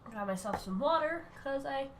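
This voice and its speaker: A woman who is sick, giving a casual rambling voice-over that keeps breaking off and restarting in quick bursts. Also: high voice, expressive, slight background noise. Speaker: art channel creator.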